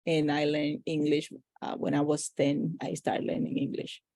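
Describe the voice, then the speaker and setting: A middle-aged woman from the Dominican Republic, a native Spanish speaker with a Dominican accent, answers casually and haltingly as a podcast guest. Her voice is low-pitched, monotone and warm, with no echo.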